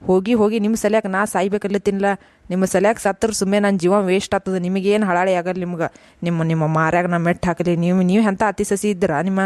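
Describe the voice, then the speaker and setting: A woman's voice: mid-range voice, fairly even intonation, darkish tone, dry recording, clean studio sound, close to an everyday voice. A woman voicing an exasperated grown son and husband in a cartoon, scolding in a North Karnataka accent. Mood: bitter. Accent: North Karnataka Kannada. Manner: scolding, fed-up, rapid complaining. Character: exasperated adult son and husband caught in family fights. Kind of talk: cartoon voice acting.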